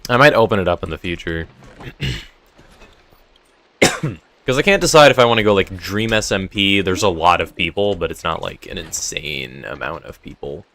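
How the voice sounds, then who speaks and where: Speaking at a normal pace, a low-pitched, animated and slightly bright male voice rambles through a casual live stream. He's a young streamer running a game server who answers his chat, and his voice seems a little strained.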